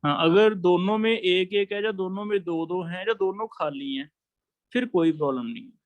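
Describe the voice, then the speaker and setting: High-voiced male chemistry teacher. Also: normal speed, no room sound. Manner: explains step by step, asks students questions. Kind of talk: classroom lecture.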